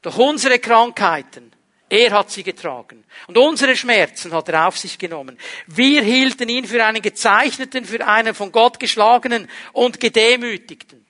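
A man preaching a sermon, moving from emphatic declarations to hushed, intimate lows and slowing down to stress key phrases.

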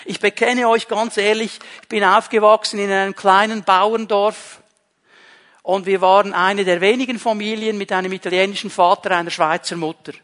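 A man's voice: sits high, steady tone, normal speed, fairly bright tone, in a large hall. A man with a Swiss German accent, preaching a sermon as pastor, emphatic and repeating key phrases. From Switzerland.

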